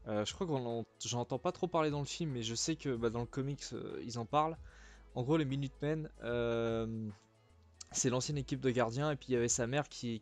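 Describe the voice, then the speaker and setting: A man's voice: medium pitch, a little mellow. Casual French man with many hesitant fillers. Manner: chatty, informal slang. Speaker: film reviewer. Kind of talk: casual spoken film review.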